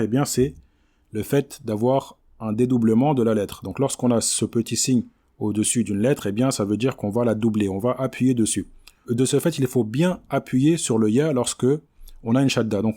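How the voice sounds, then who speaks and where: Male teacher, French accent, patient and methodical, warm mellow voice. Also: mid-range voice. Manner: patient, repeats and models each word slowly. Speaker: Quran recitation teacher. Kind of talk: explanatory lesson on recitation.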